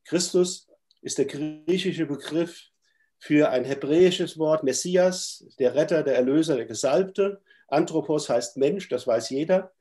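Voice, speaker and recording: Sounding stuffy from a cold, a middle-aged man with a dark-toned voice on the high side delivers a hesitant, thoughtful lecture. He's at home in a room, speaking through a webcam on a video call.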